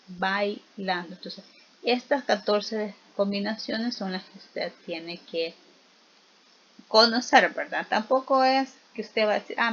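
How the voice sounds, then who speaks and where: Patient woman teaching a slow lesson. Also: medium pitch, a bit bright, highs cut off. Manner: slow, patient, repeats vowels and examples aloud; asks the listener to repeat after her. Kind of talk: recorded spelling lesson.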